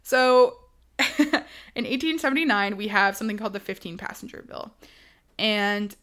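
A woman co-hosting a casual podcast, telling history quickly and animatedly with asides and laughs. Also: medium pitch, fairly bright tone. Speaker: podcast co-host.

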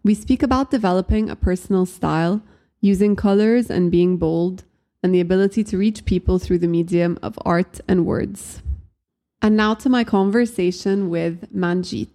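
A woman hosting a podcast, reading its introduction in an upbeat, clear way. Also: lowish voice, steady tone, moderate pace, mellow. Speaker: podcast host.

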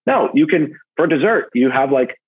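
A man in an interview talking about event planning and meals, telling stories with lively jumps up in pitch when he gets excited. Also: normal speed, breathy edge. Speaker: podcast guest, event marketer. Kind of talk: casual interview talk. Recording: narrow phone-like audio.

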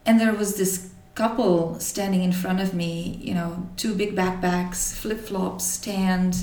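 A woman in her forties from Belgium tells her story in a thoughtful, halting way, with pauses and restarts. Her voice sits a touch low. The sound is roomy and echoing, as if she is a little way from the mic. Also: fairly even intonation, darkish tone, recorded from a distance. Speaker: interview guest. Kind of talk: reflective personal storytelling.

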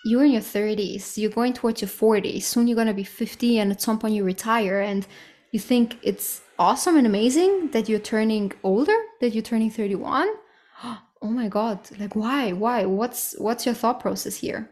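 Speaking at normal speed, this thirty-something podcast host has a slightly high, somewhat mellow voice. Her reflective solo monologue is frank and relaxed, lightly profane, and sprinkled with "like" and "right?".

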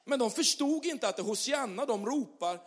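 A man preaching a lively sermon as pastor, moving from loud shouts down to soft, quiet lines. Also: very high voice, breathy edge. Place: church hall. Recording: long hall reverb.

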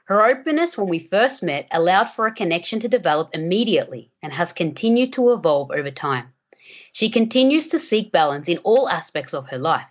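A woman hosting a podcast, reading a measured prepared introduction and asking her guest questions. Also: fairly low pitch, husky, highs cut off. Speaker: podcast host.

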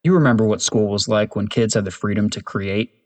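A man's voice: lowish voice, brisk, lightly acted. A man voicing an earnest, persuasive middle-aged school principal in a storybook reading.

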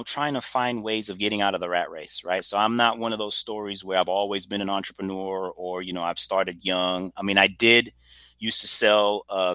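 Trinidad and tobago guy in his 40s, chatty storyteller, bright voice, dry close mic. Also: on the low side, no echo. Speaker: podcast guest, entrepreneur. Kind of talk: casual interview storytelling.

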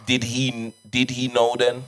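A man's voice: medium pitch, monotone, a little slow, a bit bright. A man with a London roadman accent, telling a story casually in street slang. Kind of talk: casual group chat.

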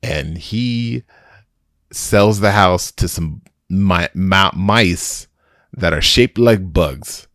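A man's voice: deep voice, drawn-out words, fairly bright tone, no room sound, studio quality. A man hosting a solo podcast, giving a rambling, exasperated and joking movie review with frequent restarts. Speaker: podcast host reviewing a film.

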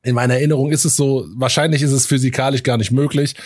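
A man recounting a wild stage story in a casual chat, lively and excited, acting out the voices of the people in it. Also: mid-range voice, fast talker. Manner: animated, acts out voices, gets loud and excited. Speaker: rapper telling a stage story.

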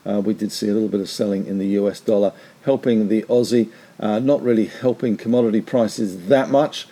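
Mellow-voiced man giving rapid market news. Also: lowish voice, fairly even intonation. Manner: chatty, wry asides amid figures. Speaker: market podcast host.

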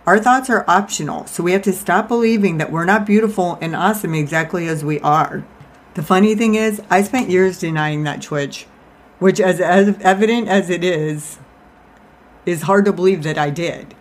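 Talking out of the side of her mouth at a moderate pace, this woman, a life coach who also hosts a podcast, gives a casual, confessional personal monologue while poking fun at herself. Her voice is lowish.

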